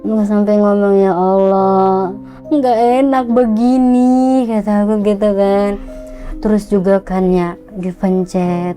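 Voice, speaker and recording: Girl telling a ghost story all worked up, mellow tone, faint music behind. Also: medium pitch, slow pace. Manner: excited, animated, acts out quotes. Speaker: guest storyteller.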